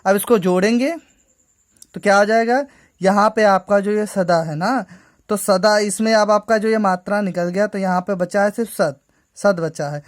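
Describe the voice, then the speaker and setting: A woman's voice: mid-range voice, normal speed. A woman teaching a grammar lesson to school students, patiently going through each step and repeating "ठीक है".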